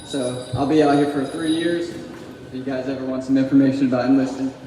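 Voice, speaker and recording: A man's voice: mid-range voice, level tone, fairly quick. A man who is an army recruiter, introducing himself informally to a gathering. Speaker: army staff sergeant, recruiter. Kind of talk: informal public self-introduction. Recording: distant, echoey hall, clear noise behind.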